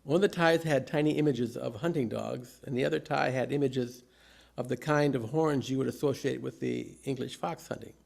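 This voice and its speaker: An older man with a gravelly, creaky voice delivers a humorous sermon, telling anecdotes from notes in measured, deliberate phrases. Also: medium pitch, a little mellow. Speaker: preacher.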